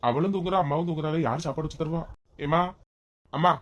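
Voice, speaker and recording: A woman's voice: low-pitched, quick pace, dull audio, voice pushed down, natural voice. A woman voicing a grumbling, impatient young husband in a comedy family skit. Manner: complaining, whiny pleading.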